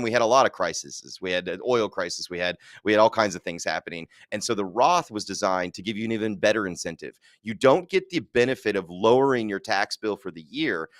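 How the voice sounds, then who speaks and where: A man's voice: on the low side, a bit bright, no room sound. A man answering as a guest expert, explaining at length with confidence and the odd quip. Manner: confident, explaining, quick jokes.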